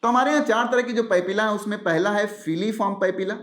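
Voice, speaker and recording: A man with a noticeably high-pitched voice delivers an exam-prep biology lecture, posing quick rhetorical questions and answering them himself. He repeats key terms slowly and drops English science vocabulary into his speech. The sound is roomy, with a clear echo off the walls. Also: a bit bright. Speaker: biology teacher.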